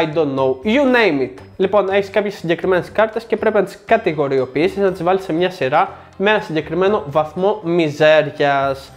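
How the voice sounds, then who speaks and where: A young man hosting a board game review show, presenting in a scripted, joking way with sarcastic asides. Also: a little high.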